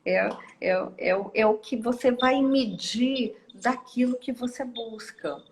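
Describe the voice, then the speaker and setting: A woman with a Brazilian Portuguese accent, a guest speaker giving a reflective live-stream talk with many pauses and tag questions. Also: a little high. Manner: slow, thoughtful, with frequent pauses and tag questions. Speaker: guest speaker and course teacher.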